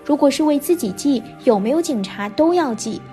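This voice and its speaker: A woman reading the lines of a calm, patient elderly male monk, asking gentle questions. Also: sits high, fairly quick, faint music behind.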